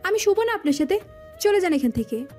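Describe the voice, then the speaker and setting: A woman's voice: extremely high pitch, big pitch swings, a little fast, a little mellow, voice pushed up. A woman playing a stammering, terrified young wife. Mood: defiant. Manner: stammering, frightened, pleading. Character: timid, panicky young wife. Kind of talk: audio romance drama. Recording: faint background music.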